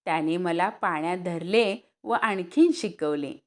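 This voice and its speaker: A woman reading a story aloud as narrator, lifting her voice for the characters' lines. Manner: unhurried, acts out dialogue with raised pitch.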